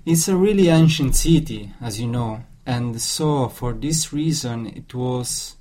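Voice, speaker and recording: Italian man with a halting manner. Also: medium pitch, dark tone. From Italy. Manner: halting, many restarts and fillers. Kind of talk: casual discussion.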